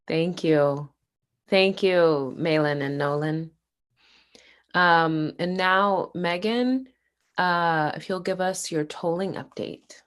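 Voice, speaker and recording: Female meeting facilitator, slightly low voice, slow measured pace, polite moderating delivery.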